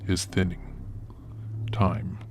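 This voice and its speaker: A man playing a stern, secretive paranormal investigator and mentor in an audio drama, speaking formally and commandingly in a disguised, altered deep voice. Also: drawn-out words, background noise. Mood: ominous.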